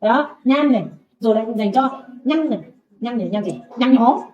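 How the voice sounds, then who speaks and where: Patient woman drilling pronunciation. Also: fairly high pitch. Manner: patient, repeats sounds slowly for the learner to echo. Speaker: Vietnamese language teacher. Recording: dull lo-fi recording.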